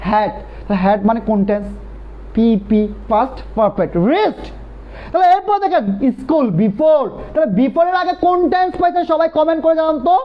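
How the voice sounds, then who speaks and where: A young man teaching English grammar in a live online class, drilling points over and over in a lively, repetitive way. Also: extremely high pitch. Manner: animated, repetitive drilling, calls students brother. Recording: dull lo-fi live stream audio.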